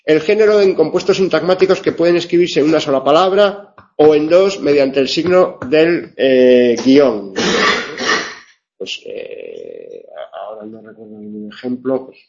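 A man's voice: mid-range voice, vocal fry, a little mellow. Man lecturing in a classroom, lo-fi. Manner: explanatory, full of fillers and rhetorical checks; self-correcting. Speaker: teacher. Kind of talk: classroom lecture on Spanish grammar. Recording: dull lo-fi classroom recording.

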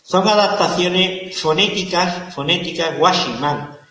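Guy lecturing a class, kinda high voice, keeps repeating stuff, big echoey room. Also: expressive, moderate pace, a bit bright. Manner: emphatic, repeats key words, asks the class questions. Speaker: university lecturer. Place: lecture hall.

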